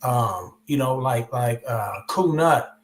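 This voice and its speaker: A man's voice: mid-range voice, animated, slow. A man with a Californian accent, chatting casually on a music podcast, telling stories in a laid-back way with plenty of slang. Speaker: co-host. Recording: roomy echo.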